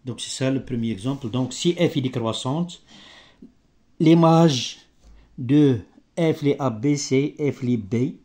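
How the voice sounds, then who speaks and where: Not a native French speaker, this male maths teacher improvises a lesson step by step in broken, halting French, with grammar slips and moments of searching for words. His voice is mid-range and dark in tone.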